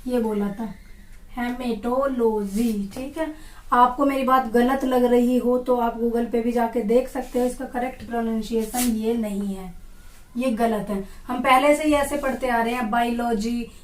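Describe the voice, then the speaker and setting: A woman teacher giving an exam-prep lesson, asking questions and repeating each term slowly so students say it with her. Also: a little high, fairly even intonation. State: dry throat. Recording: echoey room, far from mic.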